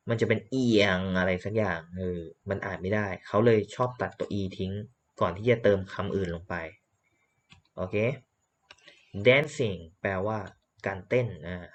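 A man's voice: on the low side, muffled recording. A man teaching English vocabulary, repeating words for drilling and explaining patiently. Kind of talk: slow classroom lesson.

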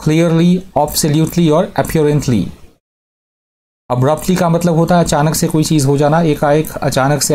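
Guy going thru vocab lists, kinda high voice, dark mellow sound. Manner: methodical word lists, synonyms and antonyms. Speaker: vocabulary teacher. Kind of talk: vocabulary lesson.

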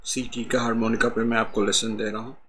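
A man with an Indian accent teaching harmonica in a calm, explaining way, his voice a bit heavy from a cold, singing out note names between explanations. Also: on the low side, brisk, slight background noise. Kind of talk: harmonica tutorial.

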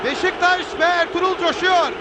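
A man calling a football match live on television, excited and breaking into screamed goal calls. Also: very high voice, moderate pace. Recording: noisy 1990s broadcast, loud stadium crowd. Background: roaring stadium crowd.

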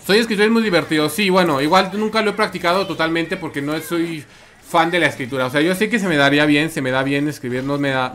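Male streamer, Mexican accent, raised pitch, casual chatty game commentary. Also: a bit bright. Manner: chatty, repeats phrases, reads and answers chat. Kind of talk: live gameplay commentary.

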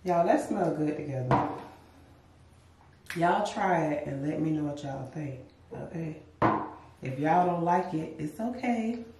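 Talking to her camera from a few feet off, this woman has a low-pitched voice, a measured pace and frequent pauses. She's a relaxed, chatty lifestyle vlogger who addresses viewers as "y'all," first in her bedroom and then in a car, and the distant mic gives a roomy echo.

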